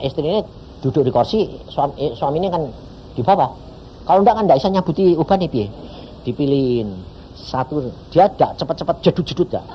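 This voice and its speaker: A man with a Javanese accent preaching on a dull, lo-fi tape with a faint hiss behind him. His pitch leaps and falls as he acts out both sides of each story. His voice sits a little high. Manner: animated storytelling, acting out dialogue, laughing. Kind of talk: sermon with anecdotes.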